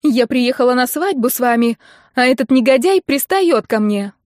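A woman's voice: on the high side, big pitch swings, measured pace, darkish tone, no echo, clean studio sound. A woman voicing a brash, scheming young woman who pleads theatrically and snaps angrily. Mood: pleading. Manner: pleading, sniffling on cue.

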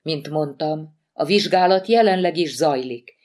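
Woman reading polite social worker lady, formal, calm, audiobook. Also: low voice, close to an everyday voice.

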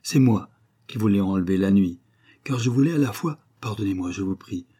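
A man reading the part of a dying, remorseful old nobleman in an audiobook, speaking in a hushed, pleading way. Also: fairly low pitch, expressive, brisk, slightly rough.

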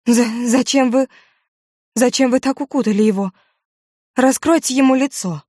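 A woman voicing a proud young beauty, delivered in shrill, impassioned bursts. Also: expressive, moderate pace, mellow, no echo, clean studio sound, natural voice. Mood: pleading.

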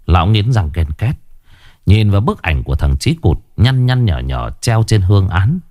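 Low-voiced male horror storyteller. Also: moderate pace, no room sound, studio quality. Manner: dramatic, lively storytelling.

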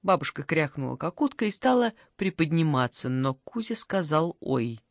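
An audiobook narrator reading a literary story in a measured, even storytelling manner. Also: medium pitch, dry recording, clean studio sound.

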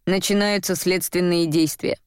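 A woman voicing a gruff, commanding male police lieutenant in an audiobook. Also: on the low side, fairly even intonation, moderate pace, dry recording, close to an everyday voice. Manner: dry, commanding.

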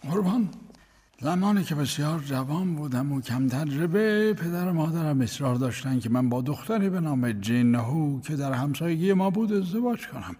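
A husky, hushed court minister. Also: male voice, fairly high pitch, expressive. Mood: ashamed, wistful. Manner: soft, halting, confessional. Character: male court minister confessing his lost marriage. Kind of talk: radio drama acting. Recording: long hall reverb.

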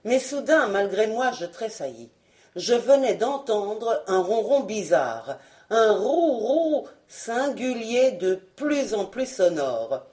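Give me a woman narrating an audiobook with an animated, dramatic voice. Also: medium pitch, slow pace. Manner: expressive dramatic reading. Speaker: audiobook reader. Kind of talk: scripted narration.

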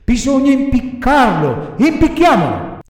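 A man's voice: extremely high pitch, huge pitch swings, unhurried, heavy reverb, long reverb tail, pitched above the performer's own voice, exaggerated voice. A man voicing two menacing cutthroats who grumble threats.

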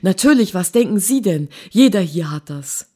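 A gruff middle-aged war reporter who grumbles and blusters, barking his lines before dropping to a hush, read out by a woman. The voice sits low and mellow, a storybook figure read aloud rather than fully acted. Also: brisk. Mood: blustering. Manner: blustering, barking, then hushed.

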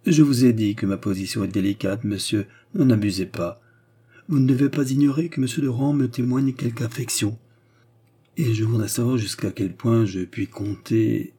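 A man reading an audiobook, voicing a scheming noblewoman who is frightened yet defiant, with a raised, pleading pitch. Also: fairly even intonation, moderate pace, warm tone, slightly rough. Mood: anxious.

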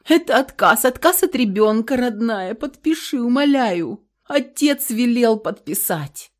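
A woman's voice: very animated, measured pace, dark tone, slightly rough, full character voice. A woman voicing a middle-aged mother who pleads tearfully and urgently with her daughter in an audiobook. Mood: pleading. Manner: high, pleading, sobbing.

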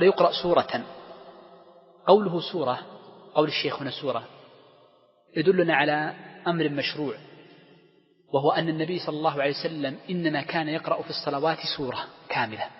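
Fast-talking male scholar in an echoing hall. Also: a little high. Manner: explains step by step, asks the class rhetorical questions. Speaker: Islamic scholar teaching a text. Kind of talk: classroom lecture on Islamic law. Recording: dull lo-fi recording with long hall reverb.

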